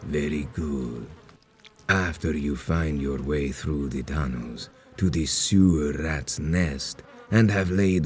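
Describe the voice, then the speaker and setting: An actor playing an ancient, cold vampire sect leader in a video game, speaking in a solemn, grandiose, deliberate way. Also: male voice, a bass voice, darkish tone. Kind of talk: dramatic video game villain dialogue.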